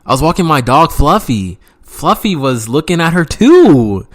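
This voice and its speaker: A man's voice: fairly high pitch, sing-song, measured pace. A young man casually telling a story from his youth, rambling with lots of fillers and frequent swearing. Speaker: vlogger.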